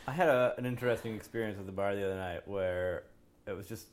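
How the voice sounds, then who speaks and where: A man from the United States, a bartender, chatting casually and telling animated stories, putting on the voices of his customers. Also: fairly low pitch, fast talker. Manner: animated storyteller, acts out customers' lines. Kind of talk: casual chat.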